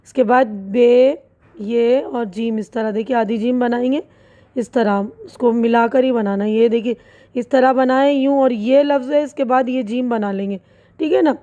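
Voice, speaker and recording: High-voiced woman teaching letters. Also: dark tone. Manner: patient, spells out letters slowly and asks "right?" often. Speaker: Urdu teacher. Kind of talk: online lesson for young children.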